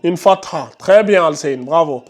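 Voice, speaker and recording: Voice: mid-range voice, normal speed. A Quran recitation teacher leading a class, patiently questioning students by name and correcting their reading.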